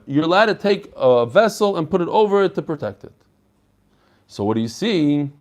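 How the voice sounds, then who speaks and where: A man giving an informal religious lesson as a rabbi, explaining conversationally and posing rhetorical questions. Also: high-pitched. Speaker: rabbi teaching a daily Talmud class.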